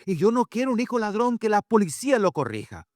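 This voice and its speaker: A woman's voice: medium pitch, big pitch swings, quick pace, darkish tone, dry recording, studio quality, pitched above the performer's own voice, close to an everyday voice. A man doing a firm, loving mother. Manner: firm, earnest. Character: loving but strict mother disciplining her son.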